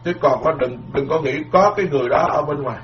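Folksy monk preaching, lo-fi. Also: male voice, on the high side, quick pace, a little hiss or hum. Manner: repetitive, folksy, emphatic with proverbs. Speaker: Buddhist monk teacher. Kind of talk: dharma lecture. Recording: dull lo-fi lecture recording.

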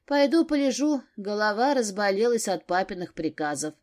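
A woman reading an audiobook, voicing a defensive, quick-tempered grown daughter. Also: mid-range voice, a little mellow, close to an everyday voice. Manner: flaring, defensive.

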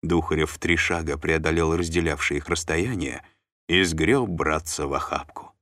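A man narrating an audiobook in an expressive scripted reading. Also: extremely low pitch, moderate pace, dry recording, clean studio sound.

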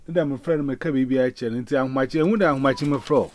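A man's voice: medium pitch, fast talker, slight background noise. A man in casual conversation on a phone call, rambling and repeating words as he talks.

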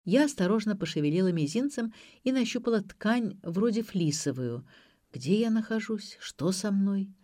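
A woman reading a novel aloud in the first person, with even, measured storytelling. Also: mid-range voice, dry recording, clean studio sound. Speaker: audiobook reader.

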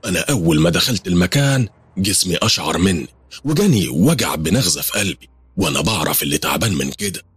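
A man's voice: low-pitched, lively intonation, quick pace, fairly bright tone, husky, full character voice. A man with an Egyptian accent voicing a strange veiled woman who insists she sees spirits around people, speaking in an ominous, matter-of-fact way. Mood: ominous insistent.

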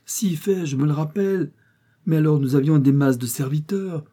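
A man's voice: a little high, moderate pace, warm tone, slightly rough, pitched above the performer's own voice. A man voicing an anxious elderly housekeeper, a woman who talks in a fretful, worried way.

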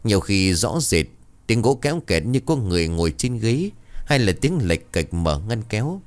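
Deep dramatic ghost-story narrator, man. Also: sing-song, normal speed. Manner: dramatic, suspenseful.

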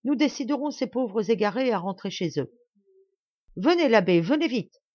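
A woman voicing an elderly, anguished baron who pleads with his son in loud, commanding outbursts. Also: on the high side, animated, brisk, dry recording, voice pushed up. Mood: anguished urgent. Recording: dull dry recording.

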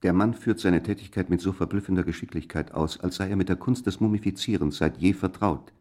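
A deep-voiced male narrator tells a scripted radio play with a warm tone. His delivery is measured and suspenseful.

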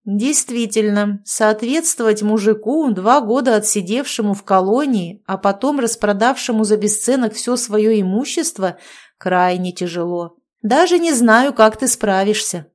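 Lady playing a snarky young woman friend, teasing, a bit higher, audiobook. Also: normal speed, darkish tone, natural voice. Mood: sarcastic. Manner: sarcastic, teasing. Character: sharp-tongued sarcastic young woman friend.

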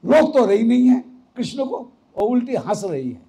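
A man's voice: very high voice, big pitch swings, normal speed, vocal fry, warm tone, husky, exaggerated voice. A man voicing a young woman who trembles and reproaches her laughing friend, in a devotional storytelling talk. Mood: reproachful.

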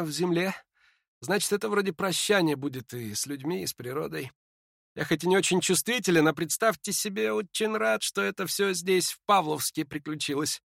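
A man reading an audiobook and voicing a dying young man who speaks quietly and hoarsely, short of breath, calm and ironic. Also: high voice, no echo, studio quality, voice pushed up, heavily acted. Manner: quiet, hoarse, near-whispering.

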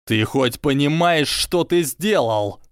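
A man voicing a proud young boy wizard who shouts and chokes with rage. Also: mid-range voice, moderate pace, dry recording, clean studio sound, voice pushed up, natural voice. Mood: shouting.

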